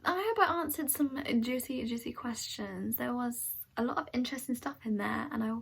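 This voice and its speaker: A young woman talks straight to camera in a casual Q&A, giving frank opinions with plenty of fillers. Her voice sits a little high but has a husky, breathy edge and a gravelly fry at the ends of her phrases. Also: normal speed, rough recording. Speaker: beauty vlogger.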